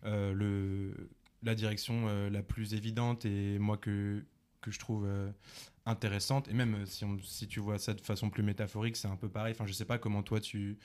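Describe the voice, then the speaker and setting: Low, even-toned male co-host who thinks aloud in relaxed slang. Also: moderate pace. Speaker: podcast co-host. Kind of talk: casual chat about music.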